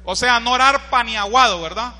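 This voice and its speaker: Speaking at a normal speed in a very high voice, a Honduran pastor delivers a fiery sermon. He bellows quoted cries and keeps putting rhetorical questions to his congregation, and the sound suggests a big room.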